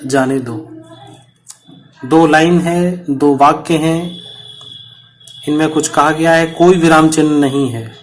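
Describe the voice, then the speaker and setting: A man's voice: a little high, slight background noise. A man teaching a punctuation lesson to students, explaining patiently and repeating each example.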